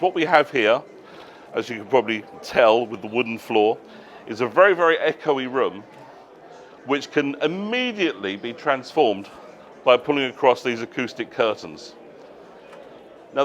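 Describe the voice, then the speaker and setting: A man's voice: mid-range voice, fairly bright tone. Man explaining plainly to a live audience. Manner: explains plainly, with asides and self-corrections. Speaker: presenter at a trade show. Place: noisy exhibition hall.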